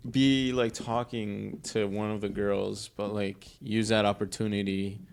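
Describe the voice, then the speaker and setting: A man co-hosting a casual podcast, teasing and asking soft questions. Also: on the low side, level tone, a little slow, vocal fry, clean tone. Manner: teasing, asks questions softly. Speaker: co-host.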